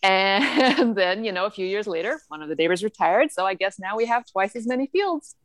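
A chatty woman in her forties from Northern California, talking as an interview guest. She is self-deprecating and laughs often, and her mid-pitched voice sits in a dry, dead space with no room sound. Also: expressive, a little fast, no echo. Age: 40s. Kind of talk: casual interview chat. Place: home with the lights off.

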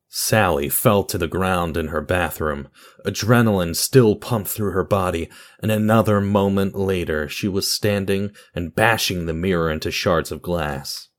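A man with a lowish voice hosts an audio drama podcast, reading scripted narration and announcements in a dramatic storytelling manner.

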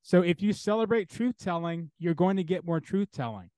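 A man's voice: high voice, normal speed, a little mellow, no echo. A man speaking as an interview guest and theologian, talking earnestly and building his points through repeated parallel phrases.

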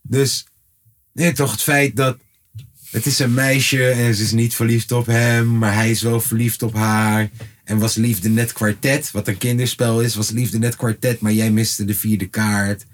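Husky-voiced man in slangy podcast chat. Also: a little slow. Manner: slangy, animated, bursts into high-pitched exclamations. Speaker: podcast co-host; father. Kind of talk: casual chat.

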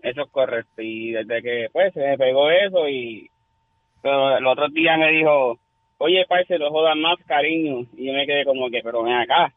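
A man's voice: medium pitch, normal speed, dry recording. Man calling in over a tinny phone. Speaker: caller. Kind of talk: phone-in chat. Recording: dry tinny phone line.

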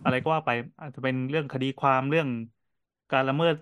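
A man co-hosting a casual podcast, telling cafe stories in a quick, animated way with lots of fillers. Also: fairly high pitch, clean tone, no echo, muffled recording. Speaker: podcast co-host and cafe owner.

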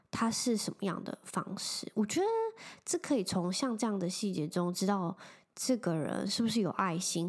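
Chatty young woman telling stories. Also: medium pitch. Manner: chatty, heavy use of filler phrases, animated when retelling. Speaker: podcast host. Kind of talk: casual storytelling chat.

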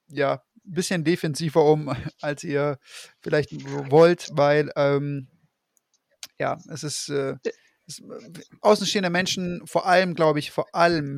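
A man's voice: on the high side, vocal fry, no echo, clean studio sound. A man hosting a podcast, talking casually and rambling with many fillers and restarts. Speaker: podcast host. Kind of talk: casual conversation.

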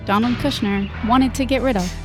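A woman's voice: on the high side, moderate pace, over music. A woman in her thirties co-hosting a podcast in casual chat, chatty and laughing often. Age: 30s. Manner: chatty, laughs often, jumps into animated impressions. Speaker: podcast co-host.

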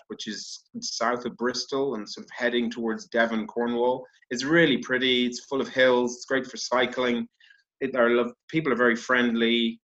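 Irish man on a bright, dull-sounding call. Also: medium pitch. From Ireland. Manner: chatty, self-correcting, laughs easily. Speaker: guest, author. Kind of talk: casual interview chat. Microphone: video call. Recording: dull lo-fi video call audio.

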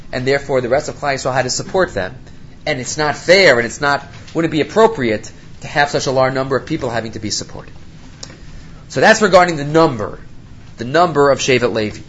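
A man's voice: a little high, fairly bright tone, lo-fi sound, slight background noise. A man giving a religious lecture as a Torah teacher, emphatic, asking and answering his own questions and mixing Hebrew quotations into English. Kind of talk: religious lecture on scripture commentary.

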